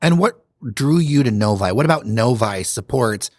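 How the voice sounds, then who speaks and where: A male podcast host asks curious, lightly joking questions in an interview. His pitch moves a lot as he speaks, and the sound is close and dry. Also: lively intonation, moderate pace, darkish tone, no room sound. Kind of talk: conversational interview.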